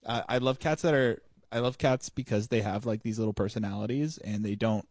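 A man's voice: lowish voice, a little fast, a little mellow, no room sound, clean studio sound. Hesitant man hosting a chat. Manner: hesitant, lots of ums and restarts. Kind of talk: casual chat.

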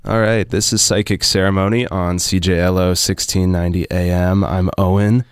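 A man's voice: deep voice, level tone, moderate pace, noisy background. A man hosting a radio show, chatting casually about the music played. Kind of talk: casual on-air music chat.

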